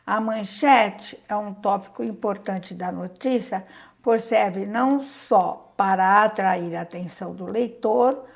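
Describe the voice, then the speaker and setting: A woman's voice: medium pitch, creaky, darkish tone. A Brazilian woman teacher reads out a worksheet to young pupils and explains it, patiently counting aloud and asking them questions. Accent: Brazilian Portuguese. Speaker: primary school teacher. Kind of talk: reading out and explaining a school worksheet.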